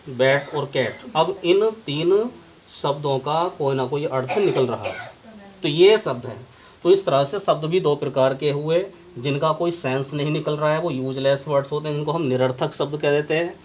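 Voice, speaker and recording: A man with an Indian accent teaching English grammar as a lesson, slowly dictating definitions word by word. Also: fairly high pitch, poor audio. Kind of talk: classroom lesson explaining grammar.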